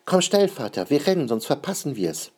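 A man reading aloud and voicing an eager, excited little boy who chatters and pleads. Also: medium pitch, a little slow, breathy edge, pitched above the performer's own voice.

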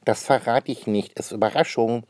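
A man's voice: mid-range voice, moderate pace, a little mellow, dry recording, close to an everyday voice. A man voicing a cheeky, stubborn little boy in a storybook reading, defiant and secretive.

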